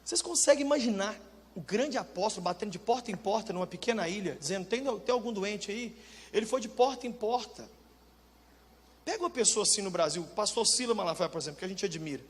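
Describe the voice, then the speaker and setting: A man's voice: high-pitched, quick pace, husky, long reverb tail. A man preaching a sermon as pastor, telling stories in a direct, colloquial and humorous way, acting out other people's voices. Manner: animated storytelling with humor, voicing other people.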